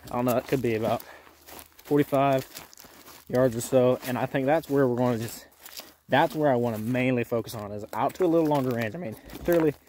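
A young man, folksy and plainspoken, hosts a casual outdoor vlog. His voice sits at an ordinary middle pitch. A faint outdoor hiss sits under the camera mic. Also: brisk, darkish tone. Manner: folksy, plainspoken, talks to viewers as he works. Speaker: outdoors channel host. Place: outdoors at a shooting range.

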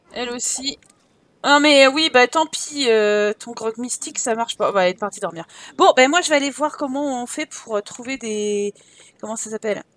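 A woman's voice: high voice, a bit bright, no echo. A woman hosting a gaming channel, giving casual gameplay commentary, chatty and joking as she thinks aloud.

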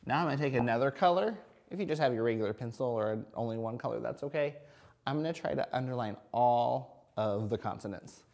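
A man's voice: mid-range voice, a little fast, gravelly, a little mellow. A man in his thirties giving a phonics lesson, speaking simply and encouragingly as if to a small child. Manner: sounds out and spells words letter by letter. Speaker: kindergarten reading teacher. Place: indoors at an interactive whiteboard.

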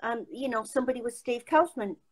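An older woman with a brisk, fairly high voice hosts a casual video-call chat from a room in her home. She is chatty and emphatic, often restarting her sentences.

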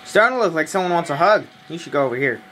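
Swearing gamer dude, voice bouncing all over, bit of noise behind. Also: male voice, fairly high pitch, very fast. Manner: swearing, joking, excitable. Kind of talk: casual gaming chat.

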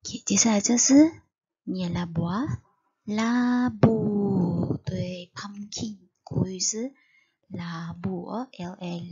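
A Malaysian woman teacher spelling out syllables slowly for young children in a reading lesson. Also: medium pitch, mellow, husky, muffled recording. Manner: slow, drawn-out spelling of letters and syllables. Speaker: primary school teacher.

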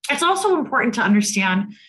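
A woman's voice: on the high side, sing-song, quick pace, fairly bright tone, low-quality recording. A woman in her thirties from the United States, speaking earnestly over a video-call headset and often checking in with "right?". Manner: earnest, frequent tag "right?" and "um". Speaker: guest speaker on cultural competence.

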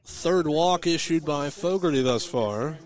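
A man calling live high school baseball on the radio from a ballpark press box, giving steady pitch-by-pitch calls with chatty, folksy asides. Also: unhurried. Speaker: play-by-play radio announcer. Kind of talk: live radio sports commentary.

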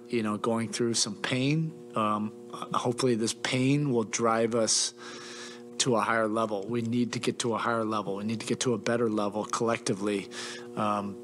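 A middle-aged man, a head coach at a postgame press conference, talking in a measured, halting way with many fillers and restarts into a table mic in a press room. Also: mid-range voice, little pitch movement, a bit bright, a little hiss or hum.

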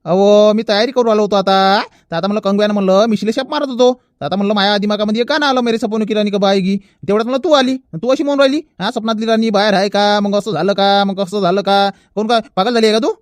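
A man's voice: sits high, fairly even intonation, fast, hardly any pauses, dry recording, close to an everyday voice. A man playing a vain, dawdling seventy-year-old village man in a comedy skit, fussy and full of excuses. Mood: defensive.

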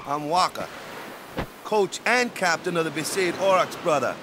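Man playing Wakka, a lively team captain. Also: fairly high pitch, moderate pace, background noise, lightly acted. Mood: friendly, upbeat. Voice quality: casual, clipped phrasing with tag questions. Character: friendly brawny male island ball-team captain, easygoing, devout. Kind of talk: video game cutscene dialogue. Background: music.

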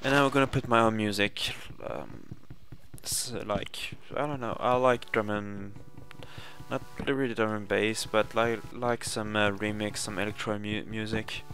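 A man's voice: fairly low pitch, steady tone, measured pace, a bit bright. A young man from Sweden with a Swedish accent, narrating a casual game playthrough with many fillers and self-corrections. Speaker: gaming channel host. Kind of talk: casual Let's Play commentary. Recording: game music playing behind.

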